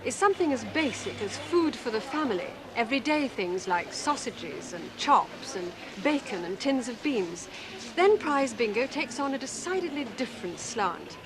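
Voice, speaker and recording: Female reporter, high-pitched, interviewing against heavy crowd noise. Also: expressive, normal speed. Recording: loud crowd and street behind.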